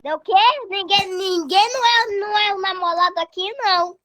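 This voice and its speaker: Man as a squeaky gamer girl through a voice changer. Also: moderate pace, sharp tone. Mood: mouthy, taunting. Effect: pitched-up voice changer filter.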